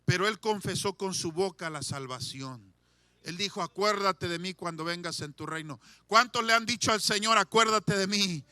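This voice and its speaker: Impassioned pastor with a bright, high voice. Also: male voice, normal speed, dry recording. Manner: impassioned preaching, swings from shouting to hushed pleading; leads the congregation in call-and-response. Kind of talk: sermon.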